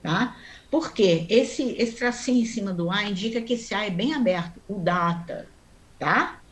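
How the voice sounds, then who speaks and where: A woman's voice: mid-range voice, animated. A woman teaching a Sanskrit class online, explaining step by step and often checking in with her students. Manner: chants mantra syllables slowly.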